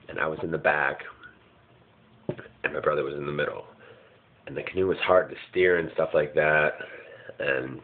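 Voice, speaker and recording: A man's voice: a bass voice, slight background noise. A man casually recounting his dreams in a hazy, puzzled way, vague and often searching for words. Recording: muffled phone-like lo-fi sound.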